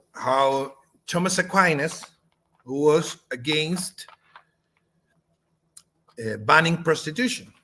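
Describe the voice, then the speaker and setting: A man from Chile with a Chilean Spanish accent, a native Spanish speaker, giving a halting spoken response in English with many fillers and restarts. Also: on the high side, a bit bright. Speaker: channel host.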